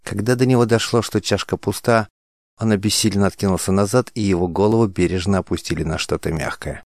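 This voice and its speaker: A man narrating an audiobook in a measured, dramatic way. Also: on the low side, no room sound, clean studio sound.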